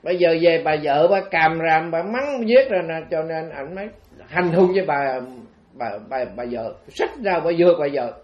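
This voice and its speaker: Male monk, Southern Vietnamese accent, rambling storytelling sermon, high voice, muffled lo-fi tape. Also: lively intonation, normal speed, few pauses. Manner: chatty, meandering, frequent fillers. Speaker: Buddhist monk. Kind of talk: storytelling dharma talk. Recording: dull lo-fi recording.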